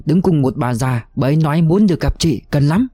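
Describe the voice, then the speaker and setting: Man as a hushed young scout. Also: a little high, lively intonation, no room sound, clean studio sound, faint music behind. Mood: hushed urgent. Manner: hushed, hurried reporting. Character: young male scout, breathless and deferential.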